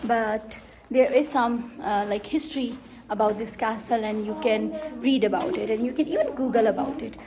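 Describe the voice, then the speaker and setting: A woman's voice: fairly high pitch, normal speed, crowd noise. Chatty upbeat woman vlogging outdoors. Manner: chatty, upbeat, lots of fillers and restarts. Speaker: travel vlogger. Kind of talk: casual travel vlog narration. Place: outdoors, walking around a hilltop castle and lake.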